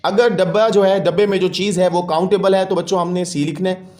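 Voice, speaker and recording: A man's voice: high voice, steady tone, a little mellow. Male teacher explaining to kids. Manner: reads English slowly, then explains it for children; keeps addressing the children as he goes. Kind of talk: classroom lesson explanation.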